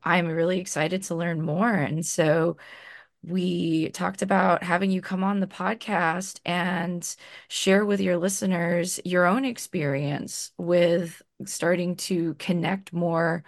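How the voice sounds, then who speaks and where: A woman hosting a podcast, introducing her guest in a measured, slightly halting way. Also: lowish voice, fairly even intonation, no room sound, clean studio sound. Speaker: podcast host. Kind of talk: interview introduction.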